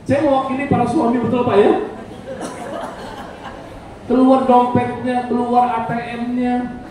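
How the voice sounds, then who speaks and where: A man's voice: very high voice, monotone, unhurried, crowd noise. A man preaching a playful, teasing sermon to a women's study group, often asking the audience to agree. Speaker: Islamic preacher. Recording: very echoey hall, distant mic, faint noise.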